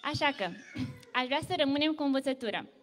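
A woman telling a story to children at church, lively and full of questions for the kids. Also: high voice, in a large hall, slight background noise. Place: church hall.

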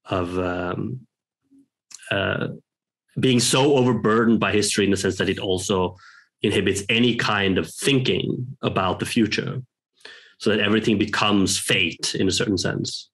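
Over headphones on a video call, a low-voiced, slightly bright Norwegian man, a professor appearing as a guest, reflects in interview from a home room with bookshelves. He sounds hesitant and thoughtful, pausing and restarting often.

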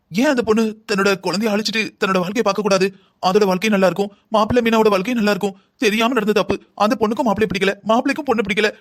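A voice actor playing an angry middle-aged mother in a cartoon drama, scolding in a rapid-fire way. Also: medium pitch, close to an everyday voice. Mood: grieving. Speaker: bride's mother.

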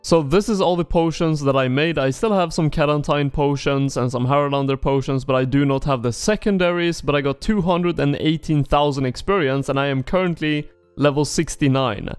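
Male gamer narrating his gameplay in a chatty way. Smooth, clear voice, a bit high, with faint music behind. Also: fairly quick, hardly any pauses, no echo. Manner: chatty, explains as he plays. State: morning voice. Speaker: gaming YouTuber. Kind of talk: casual game commentary.

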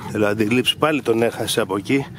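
Over footage of hunting-dog training, a lowish-voiced man walks through each step in order and calls out to the dogs in the fields. The background is noisy.

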